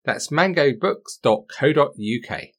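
A man with a British accent reading scripted narration in the measured manner of a true crime narrator, as a podcast host. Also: a little high, expressive, fairly bright tone.

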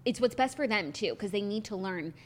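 Female podcast co-host, mid-range voice, relaxed conversational chat. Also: medium pitch, a little fast, a little hiss or hum. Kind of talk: casual chat.

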